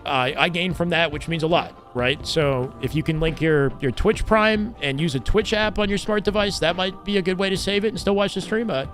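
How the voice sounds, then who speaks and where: A man live-streaming casual game commentary, chatting with viewers and hyping their support with slang shout-outs. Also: high voice, brisk, hardly any pauses, faint music behind. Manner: hype slang, thanking and welcoming viewers.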